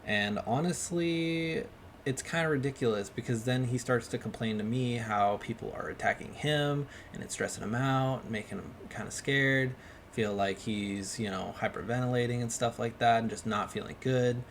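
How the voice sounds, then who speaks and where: A man's voice: medium pitch, a little hiss or hum. Man narrating a commentary video. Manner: measured, uses "honestly" often. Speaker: YouTuber host.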